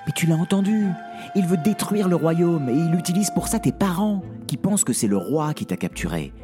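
A man's voice: on the high side, sing-song, normal speed, music in the background, pitched above the performer's own voice. A man voicing a timid but earnest young knight who pleads and urges. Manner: pleading, urgent.

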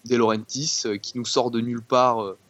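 A man's voice: medium pitch, steady tone, normal speed, fairly bright tone, dry recording, lo-fi sound. A man, a guest football specialist on a casual podcast, rambling and repeating words. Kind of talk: casual sports podcast chat.

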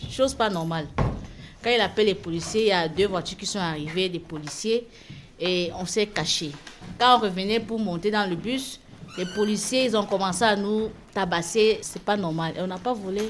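A woman's voice: medium pitch, a little fast, noisy background. A woman from Cameroon, earnestly giving her testimony as a migrant and repeating words as she searches for them. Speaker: migrant being interviewed. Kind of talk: personal testimony. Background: crowd chatter.

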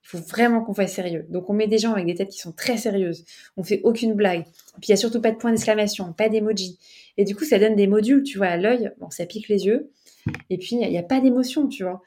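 A woman's voice: medium pitch, fast talker. A young woman, a startup cofounder interviewed as a guest, speaking casually and chattily and often saying "tu vois". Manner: lively, chatty, peppered with "tu vois".

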